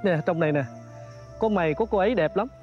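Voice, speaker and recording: A man's voice: sits high, fast, lo-fi sound, soft background music, natural voice. A man playing a kindly, fussy photographer in reformed opera, coaxing and scolding a baby monkey. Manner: coaxing, scolding, exclaims often. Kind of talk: reformed opera spoken dialogue.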